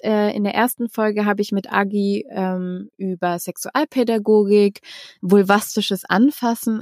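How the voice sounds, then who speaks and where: Woman, young adult, podcast host, video call, friendly and chatty, middle pitch, dry sound. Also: a little mellow, no room sound. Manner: friendly, conversational, with fillers. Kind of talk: casual podcast interview over video call.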